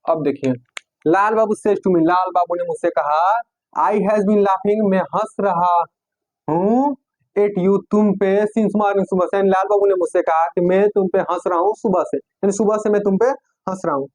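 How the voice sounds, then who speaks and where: A male teacher with a Hindi accent explains grammar in a fairly high voice, slowing down to dictate sentences and spell out words. The room is dry, and the close mic picks up no echo. His delivery is patient and methodical. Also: fairly even intonation, darkish tone. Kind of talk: classroom lesson.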